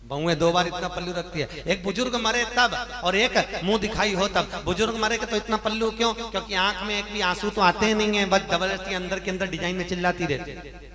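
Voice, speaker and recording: A male preacher giving a storytelling sermon, teasing and animated, at a live discourse in a large hall. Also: sits high, fairly quick, a crowd in the background. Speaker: preacher telling a religious story. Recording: echoey hall with music.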